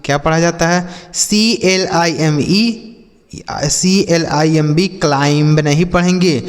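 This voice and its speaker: A man's voice: fairly high pitch, slow pace, in a large hall. A man teaching English vocabulary to beginners, spelling each word letter by letter, repeating it, and asking and answering his own questions. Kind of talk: slow spoken English lesson for beginners.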